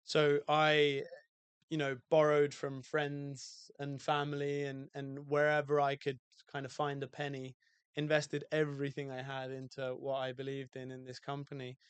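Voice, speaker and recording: A relaxed man with a British accent talks through his life as a podcast guest, rambling a little and circling back on his words. His voice is smooth and clear and stays fairly level in pitch. The sound is dry and close, with no room around it. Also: normal speed, dry recording. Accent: British English. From England, outside London. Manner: easygoing, loose storytelling with many fillers and restarts. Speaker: guest, hotel owner.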